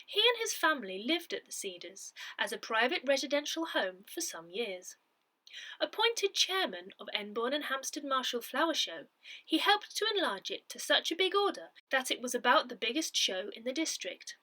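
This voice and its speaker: Reading written articles aloud for a newsletter, a woman moves through the scripted text with lively, animated intonation. Her voice is slightly high with a bright edge, and she speaks at a normal speed.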